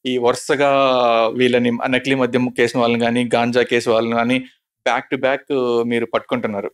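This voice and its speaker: A man's voice: medium pitch, level tone, brisk. A male interviewer asking long, respectful, probing questions.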